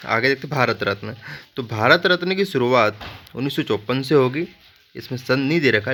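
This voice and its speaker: Man, teacher, bright tense voice, playful, memory-trick lesson, frequent check-ins. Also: mid-range voice, creaky. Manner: playful, joking asides to students; repeats "ठीक है" as a check-in.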